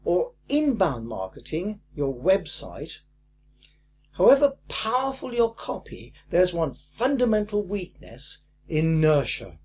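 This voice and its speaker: An older man teaching a recorded course lesson in a lively, emphatic way with a husky voice. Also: sits high, slow. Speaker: course instructor.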